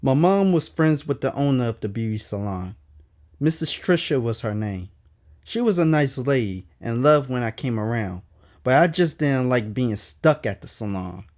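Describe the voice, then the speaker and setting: A man reads his own autobiography aloud as an audiobook, his voice medium in pitch and animated at a normal pace. He tells the story in a candid, colloquial way, tossing in emphatic asides.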